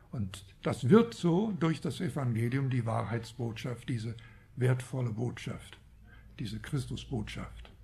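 A man's voice: a little high, vocal fry, darkish tone. A man preaching a Bible teaching sermon, reflective and asking rhetorical questions.

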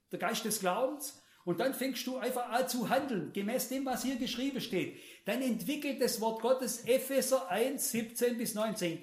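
Male preacher, emphatic sermon delivery, high voice, roomy echo. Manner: emphatic, addresses the audience directly, repeats words.

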